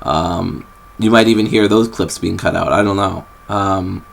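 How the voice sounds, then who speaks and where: A young man talks into his camera's built-in mic while sitting on a bed, drifting from topic to topic. His voice sits low and gravelly, and it is full of ums, restarts and apologies. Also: measured pace. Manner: rambling, apologetic, with many fillers and restarts. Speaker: vlogger. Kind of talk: rambling casual vlog.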